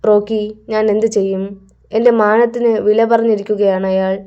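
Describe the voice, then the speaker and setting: Woman reading a scared young woman, pleading, smooth mellow voice, dull lo-fi recording. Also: mid-range voice, flat delivery, moderate pace, lightly acted. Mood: anxious. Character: frightened young woman, desperate.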